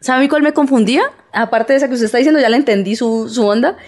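A woman's voice: fairly high pitch, fast, a little mellow. A woman from Colombia co-hosting a podcast in casual, teasing chat, laughing often. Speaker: podcast co-host. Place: podcast studio set.

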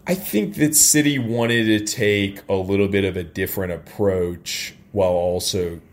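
Sitting in a stadium radio booth, where background ambience comes through clearly along with slight noise, a St. Louis soccer announcer speaks a little slowly in a deep voice. He is the guest in a relaxed interview, candidly recounting personal anecdotes.

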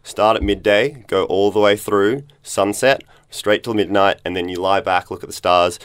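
A man's voice: lowish voice, steady tone, moderate pace, clean tone, no echo, clean studio sound. A man playing a bachelor on a joking podcast dating game, rambling and laughing as he talks. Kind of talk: joking studio banter.

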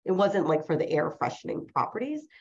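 A lawyer in her forties from New Jersey, USA, whose first language was Chinese, tells personal stories as an interview guest. Her low, darkish voice has vocal fry and a sing-song, fairly quick delivery, and she rambles reflectively, often correcting herself. The recording is dull, muffled and lo-fi.

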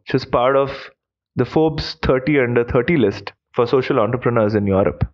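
A man's voice: mid-range voice, lo-fi sound. A man hosting a podcast, reading a scripted intro and interviewing in an upbeat, welcoming manner. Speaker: podcast host.

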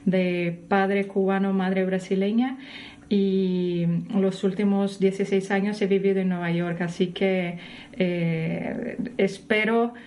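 Slow-speaking woman guest. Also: medium pitch, little pitch movement, darkish tone. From Brazil. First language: Portuguese. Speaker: guest opera soprano. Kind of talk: casual interview.

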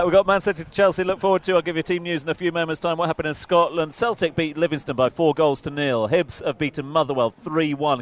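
A male radio presenter runs through football scores in a brisk, practised way, dropping in the odd filler. His voice sits a little high. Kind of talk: reading sports results.

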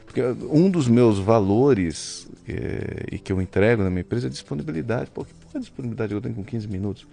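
A man with a Brazilian accent, a business mentor speaking as a guest in a casual interview, blunt and excitable, swearing freely. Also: mid-range voice, fairly quick, creaky, hardly any pauses, soft background music. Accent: Brazilian Portuguese.

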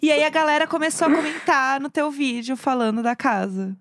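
A woman's voice: high-pitched, fairly even intonation, brisk. A woman host, chatting expressively and gushing with slang exclamations. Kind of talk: casual chat.

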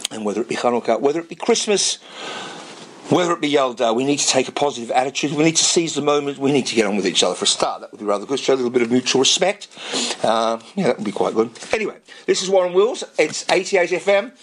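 Hoarse, raspy man hosting radio. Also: medium pitch, lively intonation, a bit bright, a little hiss or hum. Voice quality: raspy, strained voice. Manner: rambling, dramatic pauses and repetition. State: hoarse, losing his voice. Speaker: radio show host. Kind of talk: informal radio monologue between songs.

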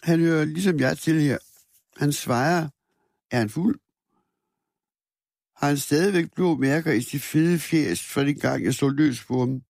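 A man reading a first-person literary story aloud in a measured, somber way, with a few small restarts. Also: fairly high pitch, creaky, a little mellow, no room sound, studio quality. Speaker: narrator.

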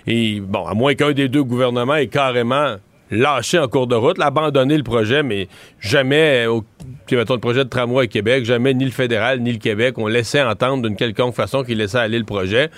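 A man's voice: medium pitch, brisk, no echo. Colloquial Quebec French man, dry close sound. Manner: colloquial, emphatic, explanatory. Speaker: political commentator. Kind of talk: conversational political analysis.

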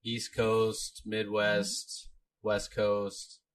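A man's voice: fairly low pitch, monotone, extremely slow. A man co-hosting a live stream, casually reading out listener comments. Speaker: co-host reading the chat. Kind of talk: live Q&A chat.

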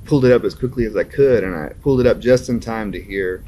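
A man's voice: lowish voice, fast, mellow, a little hiss or hum. A man in his thirties, a musician guest telling stories in a casual interview, laughing often and acting out his own reactions. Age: 30s.

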